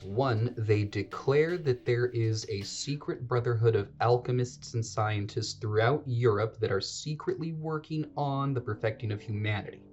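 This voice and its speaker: A native English-speaking man hosts an educational podcast, delivering a casual monologue about history that's chatty, digressive, and full of self-corrections. His voice is lowish and a little mellow, and the highs are cut off.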